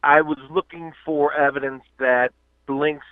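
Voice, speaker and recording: A man's voice: on the high side, steady tone, unhurried, clean tone, dry recording. A man from the southern US calling in to a radio show by phone. He talks hesitantly, with many uhs, and trails off when pressed. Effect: calling in over a phone line. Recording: dry, tinny phone line.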